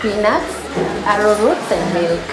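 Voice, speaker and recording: A woman's voice: mid-range voice, animated, a little slow. Kenyan woman interviewed amid echo and chatter. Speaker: guest, porridge seller. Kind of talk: casual interview answers. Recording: echoey room, crowd chatter behind.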